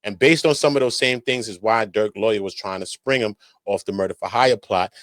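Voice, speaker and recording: With a fairly low, slightly bright voice and a brisk pace, this American man riffs on criminal cases in street slang and reads documents aloud at points. The recording is dry. He hammers his points home with repetitive catchphrases.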